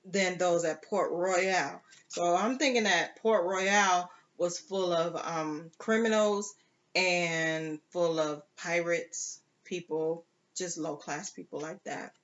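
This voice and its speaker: A storybook reader reading a novel aloud, halting now and then with fillers and self-corrections and adding casual asides. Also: mid-range voice, a bit bright, lo-fi sound.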